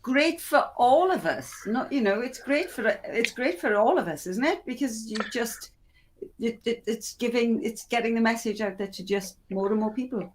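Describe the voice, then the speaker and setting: A woman's voice: a little high, animated, moderate pace. Emphatic woman chatting over background noise. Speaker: podcast co-host. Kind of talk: casual chat.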